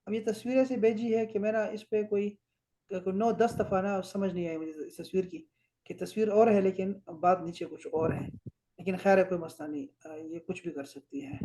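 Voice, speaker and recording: A man from Pakistan teaching Arabic, correcting homework and explaining words slowly, one by one. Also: sits high, darkish tone, a little hiss or hum.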